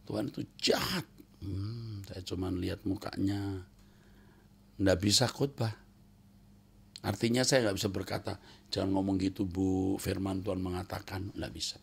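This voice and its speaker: A man preaching a sermon in a low, gravelly voice with a husky edge. He moves from loud, emphatic lines to near-whispers and repeats key phrases as he speaks to his listeners. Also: flat delivery, unhurried, pauses often. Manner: swings from loud emphatic exclamations to hushed whispers. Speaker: pastor.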